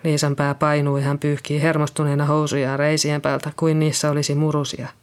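Steady audiobook narrator. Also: mid-range voice. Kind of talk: scripted narration.

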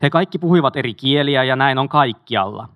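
A man reads a memoir aloud at a steady, measured pace. His voice sits at an ordinary middle pitch, and he drops into a few casual asides. The sound is dry and close, with no room around it. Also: no room sound. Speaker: audiobook reader.

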